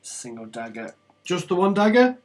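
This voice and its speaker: A man voicing a gruff male city gate guard who is polite but suspicious as he questions travellers. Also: high-pitched, sing-song, moderate pace, pitched above the performer's own voice. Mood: officious.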